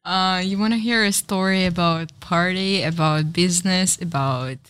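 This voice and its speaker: A woman's voice: on the low side, normal speed, fairly bright tone, slight background noise. A woman from Russia with a Russian accent, a podcast guest talking matter-of-factly and confidently about her businesses. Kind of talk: casual podcast chat.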